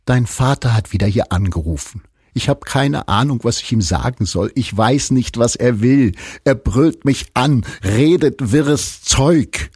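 A man voicing a distraught, fearful wife who speaks plaintively in an audiobook reading, in a husky voice. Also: mid-range voice, expressive, measured pace, few pauses, darkish tone, no room sound, clean studio sound, voice pushed up. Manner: anxious, plaintive. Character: distraught depressed adult wife, fearful and tearful.

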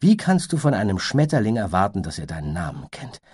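A man voicing a gentle, weary and hopeful unicorn in a storybook reading, soft and earnest. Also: fairly low pitch, sing-song, a little fast, breathy edge.

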